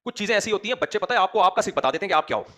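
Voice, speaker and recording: A man's voice: high-pitched, expressive, racing, pushed and bright. A man giving a sermon as an Islamic preacher, speaking with a rhetorical manner and often addressing his listeners directly.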